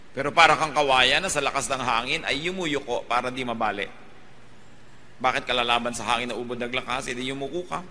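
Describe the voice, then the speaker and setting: A Filipino man preaching a sermon, moving between soft, slow asides and loud, fast emphatic bursts. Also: mid-range voice, a little hiss or hum. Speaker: pastor. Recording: long hall reverb with faint music behind.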